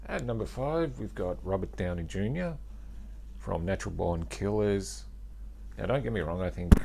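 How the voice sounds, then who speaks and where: An Australian man with a very low, gravelly voice chats casually about movie clips. His pitch swings widely as he reacts in disbelief, with a faint hiss behind him. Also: warm tone. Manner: joking, incredulous asides. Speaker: YouTuber reviewing movie clips.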